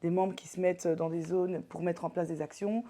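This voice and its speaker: Woman in her thirties explaining calmly. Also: lowish voice. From Belgium. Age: 30s. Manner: measured, explanatory, with frequent hesitations. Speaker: politician guest. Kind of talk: interview answers.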